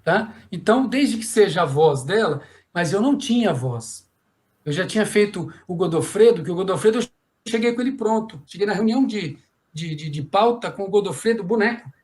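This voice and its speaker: Animated storytelling man, middle-aged. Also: sits high, normal speed. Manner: lively storyteller who acts out quoted voices, frequent "né?". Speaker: puppeteer and voice actor. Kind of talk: panel talk, anecdotes.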